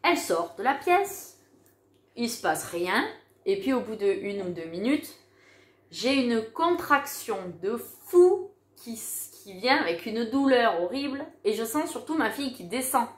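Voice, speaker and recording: A woman telling a personal story in a casual, animated way, acting out the dialogue she recounts. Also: fairly high pitch, measured pace. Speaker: mother telling her birth story. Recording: roomy echo.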